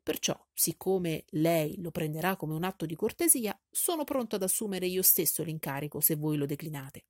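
A woman voicing a dry, ironic older gentleman who teases his family in a deadpan way, in an audiobook reading. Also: sits low, normal speed, hardly any pauses, no room sound. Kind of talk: audiobook character voice.

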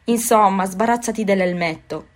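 A woman reading aloud and putting on the voice of a quick-tempered, sarcastic male schoolteacher who barks loud commands at his class. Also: medium pitch, lightly acted. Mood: scolding. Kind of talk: audiobook character voice.

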